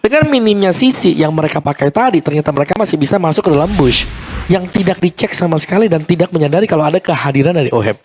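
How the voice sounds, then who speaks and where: Indonesian man, quick delivery, slightly high voice, casual esports co-commentary with music behind. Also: lively intonation, a little mellow, a little hiss or hum. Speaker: esports co-caster. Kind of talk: casual live game commentary.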